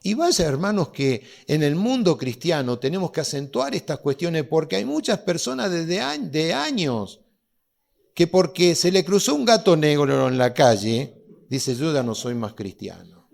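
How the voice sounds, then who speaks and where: A middle-aged Argentine pastor preaches in a gravelly, slightly high voice. He puts questions to his listeners and acts out the people he quotes, keeping the preaching going between scripture readings. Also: very animated, a little slow, a little mellow. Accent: Argentine Spanish. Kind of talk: sermon.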